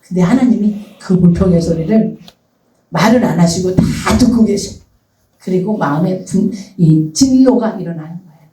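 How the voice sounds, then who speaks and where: A woman pastor preaching a sermon in a church, telling the story with lively acted voices. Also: fairly low pitch, normal speed, echoey room, recorded from a distance, slight background noise, poor audio. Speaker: senior pastor.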